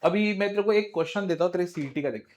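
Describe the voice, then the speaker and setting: A male physics teacher. He lectures briskly and fires questions at his students. His tone is informal and direct, like a coaching-class teacher. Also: sits high, darkish tone, highs cut off.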